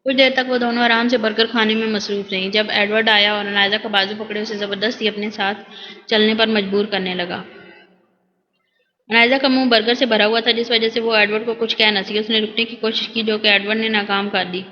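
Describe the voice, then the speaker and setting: Female audiobook narrator; steady, monotone novel reading, dull lo-fi sound with a long reverb tail. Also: medium pitch.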